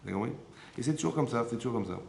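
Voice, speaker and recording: A man's voice: medium pitch, animated, rapid-fire, gravelly, a little mellow. A man, a rabbi, giving a Torah lesson and often stopping to check that his listeners follow. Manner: keeps checking with listeners, repetitive asides. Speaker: rabbi teaching a class. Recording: echoey room with faint background hum.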